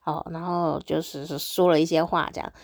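A woman's voice: deep voice, level tone, moderate pace, dry recording, studio quality. A woman with a Taiwanese Mandarin accent, hosting her own show and telling everyday stories in a chatty, upbeat way. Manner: chatty and upbeat, easily amused. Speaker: podcast host. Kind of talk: casual storytelling monologue.

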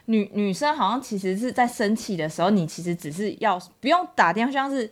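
A woman's voice: medium pitch, expressive, brisk. Woman co-host chiming in casually. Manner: short backchannel replies and light laughs. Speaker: podcast co-host. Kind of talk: casual chat.

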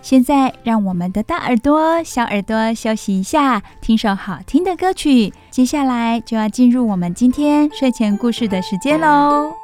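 Gentle, mellow woman talking to little children. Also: on the high side, lively intonation, moderate pace, hardly any pauses, soft background music. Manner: gentle, sing-song, as if reading to a toddler. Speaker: host of a children's bedtime story radio show. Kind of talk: radio presenting addressed to young children.

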